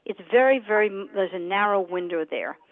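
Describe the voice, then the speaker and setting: Woman, mid-pitched, psychic medium: direct, conversational, short bursts, heard on tinny telephone-grade audio. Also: expressive, a little fast, dry recording. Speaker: psychic medium giving readings to callers. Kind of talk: casual live readings, conversational. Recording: narrow band, phone-like audio.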